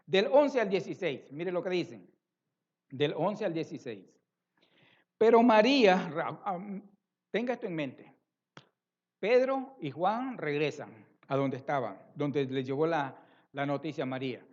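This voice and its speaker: A high-pitched man delivers a sermon in a church, preaching with expressive emphasis and frequent rhetorical questions to the congregation. The recording sounds dull and slightly muffled. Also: unhurried. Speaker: pastor.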